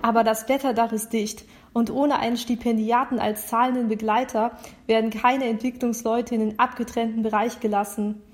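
A woman reads a novel aloud in a steady, plain narration. Her voice sits fairly high, and she now and then rereads a line to correct it. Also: normal speed. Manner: steady reading with retakes.

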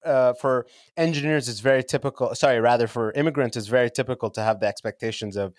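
A man's voice: medium pitch, quick pace, no echo, studio quality. A man from Sudan in his thirties, a comedian guest chatting casually on a podcast from his basement, joking and laughing between lines. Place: home basement.

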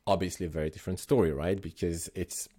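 A man's voice: low voice, steady tone, fast talker, dark tone, slightly rough. A man from Slovenia talking casually on a podcast, thoughtful, often restarting his sentences. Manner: thoughtful, many restarts and self-corrections. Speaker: podcast host.

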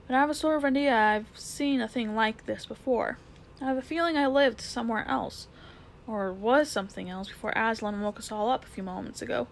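A woman voicing a thoughtful talking cab horse who speaks slowly and a little higher than her own voice. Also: creaky. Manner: slow and thoughtful. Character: slow, thoughtful old cab horse, muddled memory.

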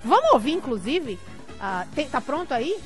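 A woman's voice: sits high, normal speed, faint music behind. Chatty woman hosting a live interview. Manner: lively, chatty, reads out viewer messages. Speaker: interview host.

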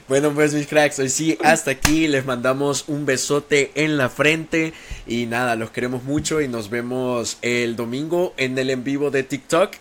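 A man's voice: medium pitch, steady tone, measured pace, fairly bright tone, slight background noise. A man co-hosting a podcast in casual, laid-back chat, slangy and enthusiastic. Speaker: podcast co-host.

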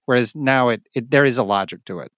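Excitable man swearing in casual chat. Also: mid-range voice, fast, no room sound, clean studio sound. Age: adult, married. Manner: excitable, swears freely, laughs often. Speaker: podcast co-host.

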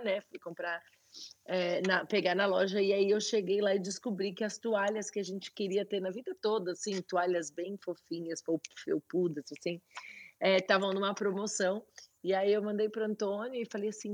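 Breathy woman, dry sound. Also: mid-range voice, no echo. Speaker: podcast co-host. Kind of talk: casual chat.

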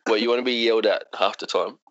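Deep, bright man scoffing. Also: fairly even intonation, no echo, lo-fi sound. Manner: quick to disbelieve, says nah and no way. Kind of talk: casual chat among friends.

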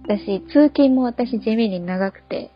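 A woman's voice: fairly high pitch, slow pace, highs cut off, soft background music. A young adult woman co-hosting a podcast in casual chat, chatty and self-mocking with frequent giggles. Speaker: podcast co-host.

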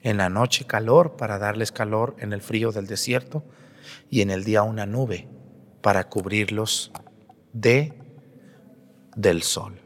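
A man's voice: fairly low pitch, unhurried, long pauses. A priest giving a homily at Mass. He tells the story and asks the congregation questions, with playful jokes. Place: church. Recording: long church reverb.

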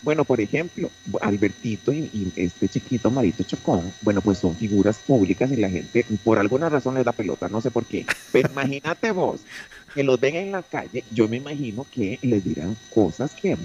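A man's voice: mid-range voice, lively intonation, moderate pace, a little mellow, dull audio, a little hiss or hum, lightly acted. A man playing a flirty, sassy woman on a comic radio bit, teasing and affectionate as she calls everyone her love. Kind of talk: comic character on a radio show.

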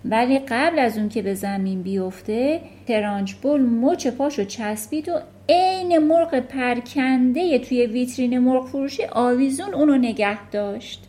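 A woman narrating a children's novel aloud with a lively, expressive reading. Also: fairly high pitch, few pauses. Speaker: audiobook narrator. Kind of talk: storybook narration.

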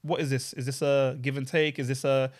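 A man's voice: mid-range voice, level tone, fairly quick. A young man with a London roadman accent, debating and questioning in slang during a casual podcast discussion. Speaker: podcast participant.

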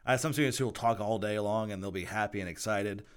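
A man's voice: on the low side, smooth. A man who leads a student ministry, talking casually on a podcast with frequent halts and restarts. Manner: halting, many restarts and fillers.

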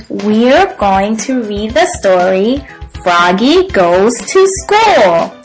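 A woman hosting a podcast, reading a children's story aloud slowly and very expressively. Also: fairly high pitch, rough recording. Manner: slow and very expressive. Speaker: podcast host. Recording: background noise.

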